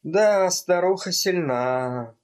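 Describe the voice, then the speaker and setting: A male reader voicing an excitable young student in a storybook, fervent and a bit raised. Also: sits high, slow, voice pushed up. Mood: excited. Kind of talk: audiobook character voice.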